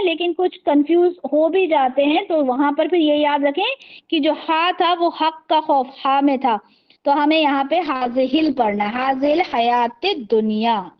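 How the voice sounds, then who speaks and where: A woman teaching an Arabic grammar class over a video call, patiently quizzing her students and slowly repeating terms. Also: high voice, muffled recording. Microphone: video call microphone.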